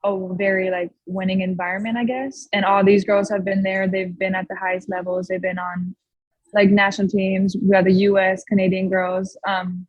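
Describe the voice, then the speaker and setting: Young female athlete from Hawaii, husky voice, dry close sound, halting and easygoing. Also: mid-range voice, flat delivery, no room sound, lo-fi sound. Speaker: professional soccer player. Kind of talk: media day interview.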